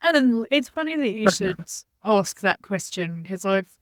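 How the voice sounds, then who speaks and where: A woman's voice: mid-range voice, no room sound. A woman from Zambia, a podcast guest, speaking in a reflective, candid way. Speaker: guest, social impact leader. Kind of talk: podcast interview.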